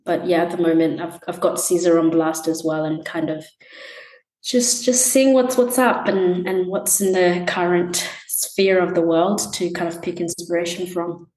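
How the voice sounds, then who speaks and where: A young woman from Tanzania, a musician answering interview questions in a soft, halting way with many ums. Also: lowish voice, fairly even intonation. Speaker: musician guest. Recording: echoey room.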